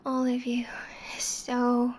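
A woman doing a whispered role-play as an adoring, seductive lover, speaking slowly and intimately, close to the listener's ear. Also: a little high, completely flat delivery, a little mellow, a little hiss or hum. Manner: slow, lingering delivery with pauses.

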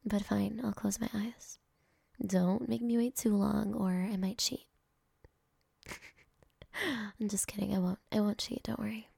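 A young woman whispering softly and affectionately to a partner in an ASMR roleplay, speaking close to the microphone. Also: mid-range voice, fairly even intonation, unhurried, vocal fry, pauses often, slightly rough, no room sound. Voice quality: soft whispering, intimate and affectionate. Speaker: girlfriend in a roleplay.

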